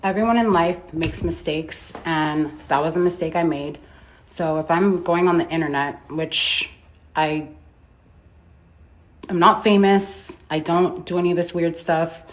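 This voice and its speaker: A woman's voice: on the low side, fairly even intonation, a little slow. A woman talking defensively into her phone, rambling and filling her sentences with "like" as she makes an apology video. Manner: defensive, rambling, heavy use of "like". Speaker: business owner making a public apology.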